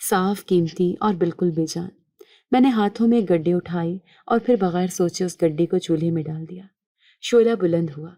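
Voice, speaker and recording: A woman narrates a first-person moral story in a calm, measured way. Her voice is low and warm, recorded close and dry with no room sound. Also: no room sound.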